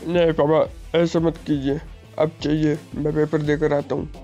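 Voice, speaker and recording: A man's voice: fairly high pitch, level tone, a little slow, dark tone, muffled recording, soft background music. A man voicing a greedy, corrupt young police officer who whines and pleads with his father. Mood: meek. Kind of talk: gameplay story voice-acting.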